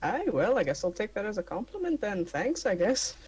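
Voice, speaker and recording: A gruff, demanding minotaur customer with a rough edge and a husky voice, as a woman puts her on in a tabletop game. She talks casually and pushes back, demanding service. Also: mid-range voice, very animated, brisk, a little mellow. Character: gruff female minotaur tavern patron.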